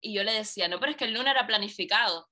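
A woman's voice: medium pitch, very fast. A woman guest, telling a personal story in conversation and acting out the dialogue. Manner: animated, acts out quoted dialogue. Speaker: interview guest.

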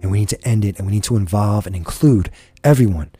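Husky, heated man ranting. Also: on the low side, fast talker, warm tone, faint music behind. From United States. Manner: impassioned, profane and heated. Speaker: podcast host. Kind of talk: angry political rant.

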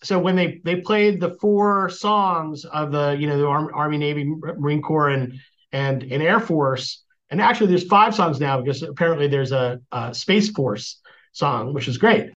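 Higher-pitched man, halting, in dull audio. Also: animated, a bit bright. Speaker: podcast guest, lawyer. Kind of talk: casual interview chat.

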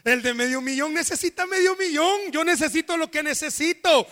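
In a large hall, this married pastor delivers a fervent church sermon, calling out to the congregation with shouted appeals. He speaks briskly, his voice at an extremely high pitch.

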